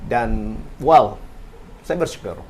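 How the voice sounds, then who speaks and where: Animated man telling stories in casual chat. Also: lowish voice, takes it slowly, a little hiss or hum. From Tobelo, Halmahera. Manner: animated storyteller mixing in English, laughs often. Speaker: podcast guest.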